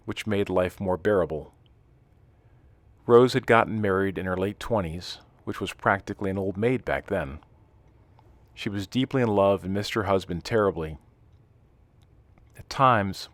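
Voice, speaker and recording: A man with a deep, low voice reads a scripted story at an even, steady pace. The recording is close and dry, with no room sound around him. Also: no room sound. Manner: calm, steady reading with hushed dramatic passages. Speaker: narrator.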